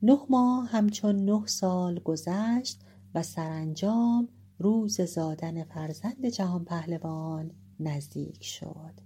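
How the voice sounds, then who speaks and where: Woman reading an epic story, slow and dramatic, mellow husky voice. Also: on the low side. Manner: measured, dramatic, shifting pace for suspense. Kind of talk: expressive narration of an epic tale.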